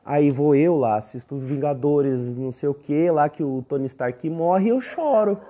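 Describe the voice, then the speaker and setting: A young man hosting a casual rambling monologue, profane and self-mocking, often breaking into high squeaky exclamations. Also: normal speed, dark tone. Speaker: podcast host.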